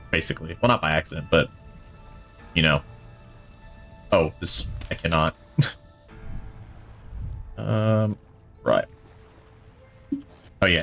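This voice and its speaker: A male streamer with a fairly low voice that swings widely in pitch as he talks. He rambles through casual gameplay commentary, thinking aloud and gushing with enthusiasm. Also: fairly bright tone. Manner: enthusiastic about the game.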